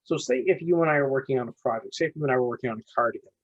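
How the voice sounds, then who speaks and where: A man's voice: mid-range voice, very fast. A man co-hosting a podcast in casual chat, rambling eagerly and restarting his sentences often. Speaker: podcast co-host. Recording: dull lo-fi recording.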